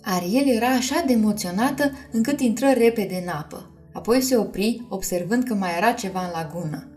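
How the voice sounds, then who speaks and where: A woman reading a children's storybook aloud in an expressive, measured way. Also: medium pitch. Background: faint music.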